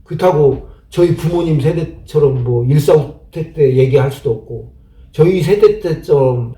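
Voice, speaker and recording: A man's voice: on the high side, measured pace. A middle-aged man hosting a channel, who reads out a viewer's letter and then gives plainspoken, reflective advice, often asking rhetorical questions. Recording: roomy, distant mic with soft instrumental music. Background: soft instrumental music.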